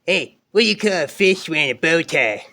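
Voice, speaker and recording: A man's voice: on the high side, lively intonation, a little fast, sharp tone. A man voicing a corny puppet comic, trading setup-and-punchline banter in a comedy act. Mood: corny, playful. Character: corny joke-telling male puppet comic.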